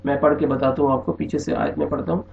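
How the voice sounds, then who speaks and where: A man gives a recorded online Quran reading lesson, patiently repeating each rule and checking in with his students. His gravelly, mid-range voice barely moves in pitch, and he talks fast. The room sound is echoey, dull and lo-fi.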